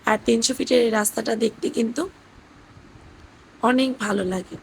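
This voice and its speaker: Narrating her family-trip vlog in voice-over, a woman speaks from inside her parents' house at a fairly high pitch and moderate pace. She's hoarse and her voice cracks, telling things gently with fillers, over a rough recording with slight background noise.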